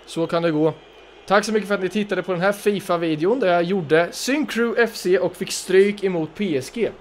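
A man with a Swedish accent commentating his own football video game match, shouting encouragement at his players and breaking into excited bursts. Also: sits high, slight background noise. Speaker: gaming youtuber.

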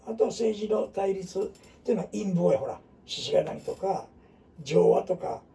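Teaching a group in relaxed classroom style, a middle-aged man speaks Kansai Japanese dialect, rambling and scattering fillers and asides throughout. His high, gravelly, mellow voice swings widely in pitch with lively intonation, at a measured pace. He sounds slightly distant from the microphone.

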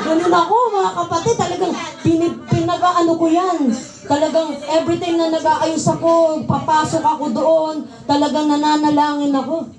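High-voiced Filipino woman preaching. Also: moderate pace, echoey room, soft background music, poor audio. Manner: lively storytelling, laughing often, acting out quoted voices. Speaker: preacher giving a testimony. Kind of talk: sermon with personal testimony.

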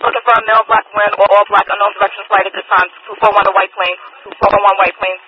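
A man's voice: high voice, flat delivery, quick pace. A man working as a police dispatcher, heard over a police radio transmission, rattling off clipped radio codes. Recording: hissy, muffled police scanner audio.

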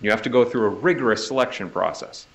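Pressing Boston-accented prosecutor. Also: male voice, lowish voice, fast, low-quality recording. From Northeastern US. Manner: pressing, leading questions ending in "right?". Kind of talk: courtroom cross-examination. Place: courtroom.

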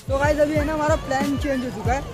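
Young man vlogging on a loud street. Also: extremely high pitch, fairly even intonation, fast. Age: young adult. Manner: chatty, addresses viewers directly. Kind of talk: casual street vlog. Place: busy city streets and market outdoors. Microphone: handheld phone camera at arm's length. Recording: loud music and crowd noise behind. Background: loud music, crowd and traffic.

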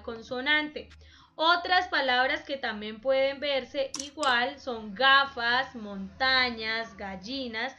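A woman's voice: sits high, sharp tone, muffled recording. A woman teaching a children's class, patiently explaining examples and prompting the pupils with questions. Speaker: primary school teacher.

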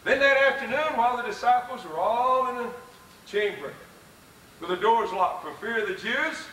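Folksy preacher guy, fired up, high bright voice, echoey hall far from the mic. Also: normal speed. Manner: fervent, folksy, with soft chuckles and "praise God" asides. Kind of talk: sermon. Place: church or lecture hall. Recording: distant, roomy live VHS recording.

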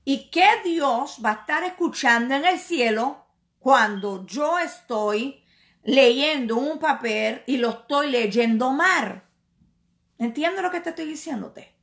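A woman evangelist preaching a sermon slowly and emphatically, repeating words and asking rhetorical questions. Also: a little high, vocal fry, fairly bright tone.

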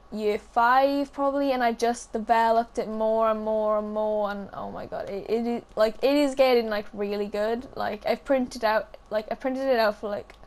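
Chatty Welsh teenage girl. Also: fairly high pitch. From Wales. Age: teens. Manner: chatty, giggly, says like a lot, swears casually. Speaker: gaming YouTuber. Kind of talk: casual vlog chat over gameplay.

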